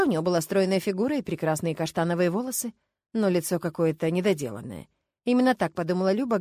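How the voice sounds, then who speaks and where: A woman reading an audiobook in lively, ironic scripted narration. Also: medium pitch, dry recording.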